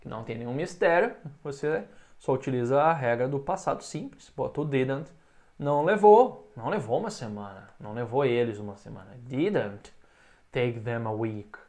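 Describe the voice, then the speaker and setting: Man teaching English, slow repeated phrases. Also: mid-range voice, animated, darkish tone. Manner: explains in Portuguese, models English phrases slowly for repetition. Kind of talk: recorded online English lesson.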